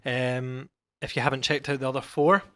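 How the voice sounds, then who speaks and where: A man's voice: mid-range voice, level tone, moderate pace, pushed and bright, smooth, dry recording. A young man hosting a casual podcast, chatty and friendly, with loose rambling introductions. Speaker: podcast host.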